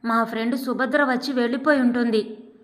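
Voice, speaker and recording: A woman's voice: on the high side, fairly even intonation, brisk, lightly acted. A woman voicing a hurt, defiant young wife. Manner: pained, trembling and indignant. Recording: long hall reverb.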